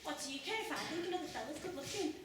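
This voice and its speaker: A woman's voice: high voice, expressive, rapid-fire. A teenage girl playing a bold, teasing teenage girl in a school stage play, cheeky in manner, with a Liverpool accent. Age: teens. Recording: echoey room from far off, loud noise.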